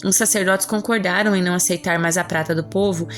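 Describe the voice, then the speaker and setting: A woman reading Bible passages aloud in a steady, measured, scripted way, as a devotional reader. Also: on the low side, faint music behind.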